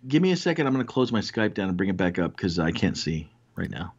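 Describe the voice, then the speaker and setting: A man's voice: sits low, big pitch swings, quick pace, a little mellow, slightly rough. A man co-hosting a live stream show, bantering casually with sarcastic, mocking jokes. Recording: dull lo-fi sound.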